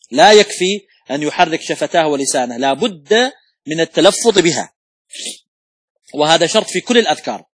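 A man teaching a religious law lesson as a sheikh, methodically explaining rules through worked examples and repeating key points, with occasional coughs and throat clearing. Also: fairly high pitch, dry recording, studio quality. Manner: demonstrates correct and wrong pronunciation aloud.

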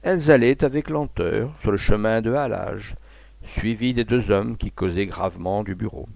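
A man reading a classic novella aloud in a measured literary manner. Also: fairly low pitch, creaky, a little mellow, no echo. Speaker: narrator.

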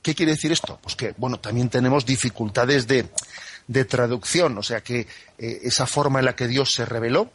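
A man from Spain, a priest explaining the catechism on a radio program, who talks in an unhurried, conversational way and keeps checking in with "¿eh?" and "¿no?". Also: medium pitch, slightly rough. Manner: unhurried and conversational, full of "¿eh?" and "¿no?" tags. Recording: dry studio radio broadcast.

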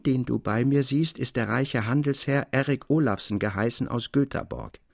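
A man's voice: medium pitch, creaky, a little mellow, no room sound, clean studio sound. A man voicing an older mine owner, fatherly but stern and earnest, in a radio story reading. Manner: earnest, scolding.

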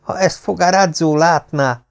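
A man's voice: a little high, vocal fry, clean tone, pitched above the performer's own voice. A man voicing the wife, a woman writer with a dry, understated manner.

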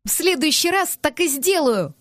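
A hot-tempered young woman snaps and shouts in a high, indignant voice, as a woman reading the audiobook puts her on. The sound is dry and close to the mic. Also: sing-song, moderate pace, no echo. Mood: furious. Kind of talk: audiobook character voice.

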